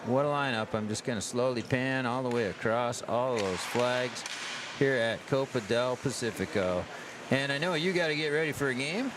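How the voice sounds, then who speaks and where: An American man livestreams from an ice hockey tournament, chatting casually with a medium-pitched voice and halting delivery that often stalls mid-sentence. The live on-location audio is clear, with urban ambient noise around him.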